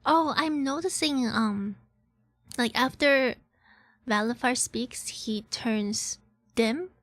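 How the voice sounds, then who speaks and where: A woman's voice: fairly high pitch, slow pace, a bit bright, dry recording. A woman streaming a game, chatting in a playful, giggly way. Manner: giggly, playful, often laughing. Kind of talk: casual game stream chat.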